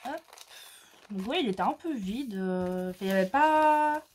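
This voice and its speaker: A woman chatting casually as she shows off her crafting haul, pausing often and searching for words. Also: medium pitch, expressive, darkish tone, slight background noise. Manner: slow, hesitant, many fillers. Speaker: crafting vlogger. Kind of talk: casual haul show-and-tell.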